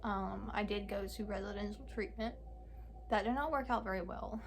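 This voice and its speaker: An eighteen-year-old woman talking candidly in a casual vlog, halting often with fillers and pauses. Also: medium pitch, vocal fry, slight background noise. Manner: candid and soft-spoken. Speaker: vlogger. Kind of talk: casual personal vlog talk.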